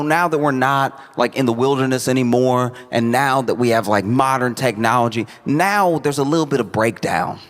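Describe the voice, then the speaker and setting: A man telling stand-up comedy stories to a live audience in a conversational way, often repeating phrases haltingly for emphasis. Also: mid-range voice. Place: live venue on stage. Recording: echoey hall with audience noise.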